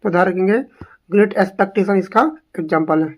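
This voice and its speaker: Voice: mid-range voice, steady tone, fast. An English teacher giving an exam-prep lesson, drilling each word by repeating it and asking rhetorical questions.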